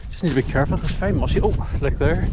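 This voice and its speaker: A man's voice: fairly high pitch, rapid-fire. Northern Irish man, casual hiking vlog, thinks aloud mid-walk, handheld phone, heavy wind noise outdoors. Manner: chatty, thinking aloud while walking. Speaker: hiking vlogger. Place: outdoors on a wet, windy mountain trail. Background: wind and rain.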